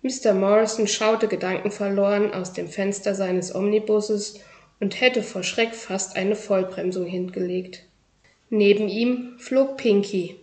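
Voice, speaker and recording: A woman narrating a children's book in a lively, expressive storytelling manner. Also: medium pitch. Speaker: audiobook reader. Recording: roomy echo.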